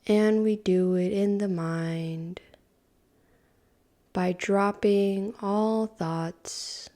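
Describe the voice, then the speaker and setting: A woman guides a meditation calmly and without hurry. Her soft, breathy, mid-range voice drifts into near-whispers, with long pauses between phrases.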